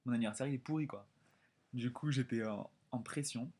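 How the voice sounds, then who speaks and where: A young man in his twenties from France telling a story in a casual vlog, animated and chatty with lots of quoted dialogue. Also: medium pitch, brisk. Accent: French. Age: 20s. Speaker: vlogger.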